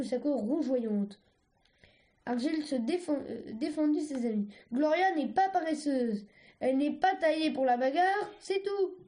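A woman reads a storybook aloud, stumbling and restarting her words as she goes. Her voice is notably high. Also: mellow. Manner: halting, stumbling reading with restarts. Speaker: reader.

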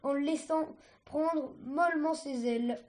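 A woman reading a storybook aloud, haltingly, with restarts. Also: high voice, darkish tone. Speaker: reader.

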